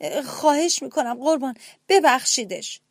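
A jittery servant mouse who bows and begs forgiveness at every turn, voiced by a woman storyteller. The voice sits high and anxious in a dry, close recording. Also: lively intonation, dry recording. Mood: pleading nervous. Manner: pleading, nervous. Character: timid fawning servant mouse.

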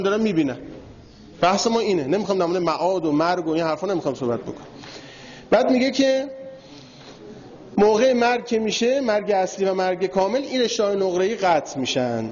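A man's voice: high-pitched, darkish tone. A man giving a religious lecture, telling a story and speaking directly to his audience. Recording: dull lo-fi recording in a reverberant hall.

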